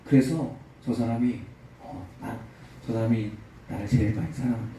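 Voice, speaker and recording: A man's voice: medium pitch, fairly even intonation, normal speed, mellow, very echoey, far from the mic, slight background noise, low-quality recording. A male pastor preaching a sermon, telling a story with acted-out quotes and building to emphatic peaks. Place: church sanctuary.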